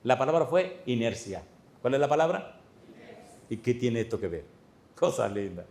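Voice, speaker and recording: A man's voice: mid-range voice, moderate pace. A middle-aged man, a pastor, preaching a sermon in a church and telling stories with questions to the congregation. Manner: lively storytelling, addressing the congregation with questions.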